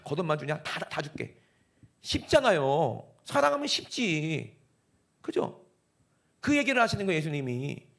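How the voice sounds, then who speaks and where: Animated Busan pastor preaching. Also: male voice, fairly high pitch, gravelly. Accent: Gyeongsang (Busan). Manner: animated, talks directly to the congregation with frequent questions. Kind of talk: lively Sunday sermon. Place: church sanctuary.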